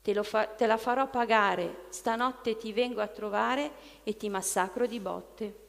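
A woman's voice: mid-range voice, a little slow, vocal fry, fairly bright tone. A woman reading aloud and voicing a hateful, tormented male demon who spits out spiteful outbursts, with a long reverb on the recording. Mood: threatening.

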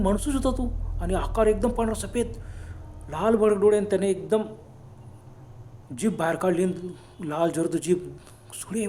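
A man with a high voice tells a spooky ghost story, taking his time and adding dramatic exclamations. The tone is mellow and dark rather than bright, and there is a faint background hiss. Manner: dramatic, unhurried telling with exclamations. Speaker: storyteller, channel host. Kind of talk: spoken ghost story narration.

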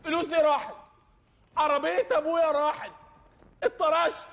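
A man's voice: very high voice, little pitch movement, moderate pace, a bit bright, big-room sound. An actor playing a panicky, deafened young male robber with an Egyptian accent, talking in a frantic, complaining way near tears. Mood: panicked. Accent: Egyptian Arabic.

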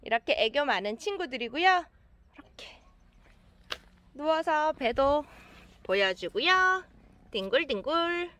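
A woman's voice: high voice, lively intonation, measured pace, bright, forceful tone. A woman running an animal cafe, talking casually to viewers and calling her cats over in a sing-song, coaxing voice outdoors in her yard. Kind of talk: casual vlog narration to viewers.

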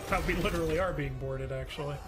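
A man's voice: fairly high pitch, fast, over music. A young man hosting a game stream, chatting and joking casually with laughs. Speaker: streamer host. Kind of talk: casual let's-play chat.

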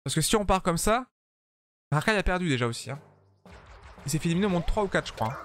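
A man's voice: high voice, lively intonation, fast, a bit bright. A tired man chatting casually with his viewers while streaming a game, joking and swearing freely. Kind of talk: casual live-stream commentary while playing.

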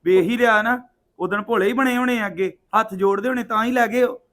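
A man's voice: high voice, brisk, a bit bright. An actor playing a defiant, hot-tempered young man with a Punjabi accent, arguing with his mother. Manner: defiant, sulky, angry. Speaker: son.

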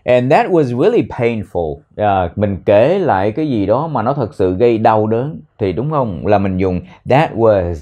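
A man with a Vietnamese accent teaching an English lesson, repeating words slowly to drill pronunciation. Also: on the low side, big pitch swings, dark tone. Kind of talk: language lesson explaining phrases.

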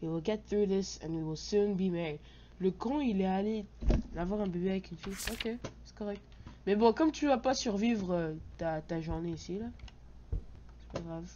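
Panicking female gamer, mid pitch, jumpy and sweary horror let's play commentary, slightly noisy home recording. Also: moderate pace, warm tone, highs cut off. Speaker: gamer, channel host. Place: bedroom at home.

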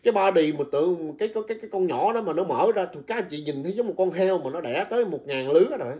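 A man's voice: high-pitched, animated, fast talker, warm tone. A man ranting on a livestream, coarse and insulting, repeating himself as he heaps scorn on his targets. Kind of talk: heated livestream rant.

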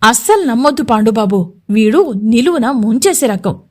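A woman voicing a scornful young village woman who scolds and insults a leering man, slow and contemptuous. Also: on the high side, animated.

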